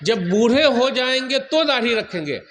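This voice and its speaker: A male Islamic preacher delivering a sermon to a large gathering, teasing the crowd with questions and reciting hadith quickly. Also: very high-pitched, very animated, fairly bright tone, a little hiss or hum. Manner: asks the crowd questions, jokes and teases.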